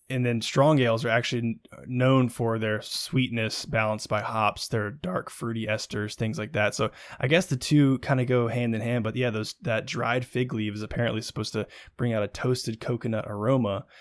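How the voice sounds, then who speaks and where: A man's voice: fairly low pitch, fairly even intonation, moderate pace, smooth, no echo, clean studio sound. A young man, co-hosting a casual beer-review podcast and rambling through his notes with plenty of ums. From Virginia, USA. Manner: rambling, chatty, lots of ums and likes. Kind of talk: casual chat.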